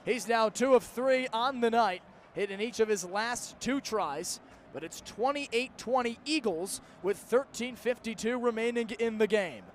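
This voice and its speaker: Clipped, urgent phrases come from a twenty-something man doing live radio football commentary at an outdoor college stadium. He speaks at a measured pace in a very high-pitched voice, with stadium ambience and faint noise in the background.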